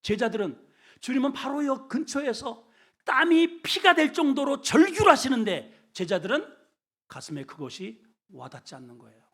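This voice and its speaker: Male pastor, sermon, high and sharp-toned, folksy, jumps from hushed to loud. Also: sing-song, moderate pace. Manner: swings between hushed and loud, emphatic delivery; folksy, colloquial storytelling with humor. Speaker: senior pastor.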